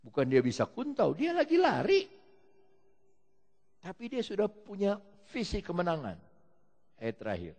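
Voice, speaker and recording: A man preaching an animated sermon, telling stories and moving between loud exclamations and quiet asides, with a gravelly voice. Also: high voice, normal speed, pauses often, soft background music. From Indonesia. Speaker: pastor. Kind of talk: lively sermon with storytelling. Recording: long hall reverb.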